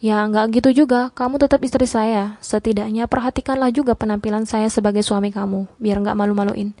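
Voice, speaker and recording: A woman's voice: mid-range voice, steady tone, brisk, mellow, no echo, close to an everyday voice. Storybook read-aloud: a woman plays an irritable male lecturer husband, curt and cold. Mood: impatient. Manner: curt, scolding.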